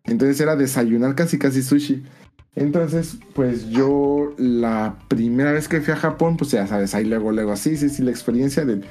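A man's voice: mid-range voice, moderate pace, dark tone, soft background music. A man with a Mexican accent telling a long personal story in casual podcast chat, in a colloquial, rambling way.

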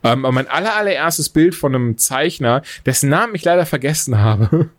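Chatty man with a fairly high voice. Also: no room sound. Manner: animated, digressive, quick asides. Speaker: podcast host reviewing films. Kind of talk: casual chat.

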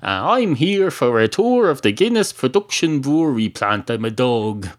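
A man voicing a dim, polite male talking dog that speaks in a slow, confused, deadpan way. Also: mid-range voice, natural voice. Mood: deadpan, muddled.

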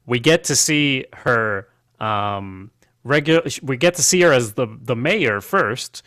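Guy cohosting a podcast, jokey and sweary, mid pitch, dry close sound. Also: lively intonation, slow, a bit bright, dry recording. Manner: loose, profane, jokey recapping. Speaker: podcast co-host. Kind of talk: casual chat reviewing a TV show.

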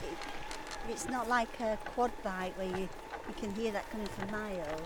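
A woman's voice: medium pitch, a loud crowd, heavy background noise. A middle-aged woman from Sheffield with a Yorkshire accent, a guest chatting on an open hillside and describing the landscape around her. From Sheffield, England. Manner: descriptive, unhurried, points out the landscape. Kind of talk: casual outdoor conversation.

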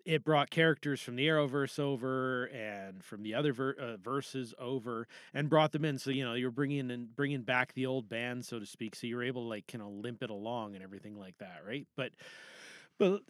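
Talking a little fast in a medium-pitched voice, a podcast host rambles through a casual solo chat about films while giving feedback to fellow podcasters. He often rephrases or trails off in the middle of sentences, and there is no echo on the recording.

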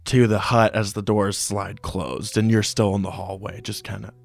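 Low-voiced man narrating as game master. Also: flat delivery, moderate pace, creaky. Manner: descriptive storytelling with some restarts. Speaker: game master and podcast host.

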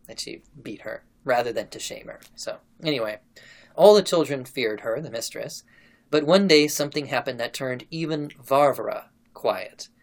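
A man hosting a casual podcast, retelling a memoir and reading passages aloud, laughing often. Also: medium pitch. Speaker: podcast host.

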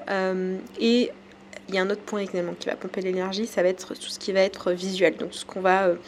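A woman's voice: medium pitch, slight background noise. Hesitant French woman podcasting. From France. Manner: hesitant, many pauses and fillers. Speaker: podcast host. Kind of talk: casual solo podcast talk.

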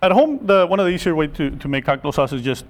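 A man's voice: on the high side, animated. A man, a chef, explaining oyster sauces in a cooking demonstration, with frequent restarts and filler words. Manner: quick, halting explanations with many restarts. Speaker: chef guest.

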